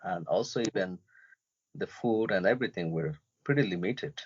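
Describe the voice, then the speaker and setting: A man from Myanmar speaking as an interview guest, in a halting way with many fillers and restarts, on dull lo-fi podcast audio. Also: deep voice, lively intonation, slightly rough. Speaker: interview guest, refugee and journalist. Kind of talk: casual interview talk.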